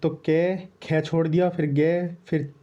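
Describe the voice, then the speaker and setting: Muffled, flat-voiced man teaching grammar. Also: fairly high pitch, a little slow. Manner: repetitive, coaxing, drills sounds aloud. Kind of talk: exam-prep grammar lesson.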